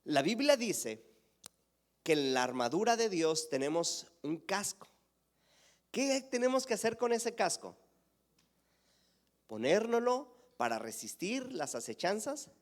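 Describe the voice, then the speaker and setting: A man preaches a sermon in a slightly high voice. He asks his listeners questions as he goes. He pushes some lines out with force and drops others to a near-whisper. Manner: swings between emphatic raised delivery and hushed near-whispers; preaching with rhetorical questions to the congregation. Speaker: pastor.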